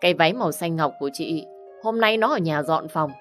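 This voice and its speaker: A woman's voice: low-pitched, brisk, faint music behind, natural voice. A woman voicing a spoiled, spiteful young woman who accuses and demands punishment. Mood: accusing.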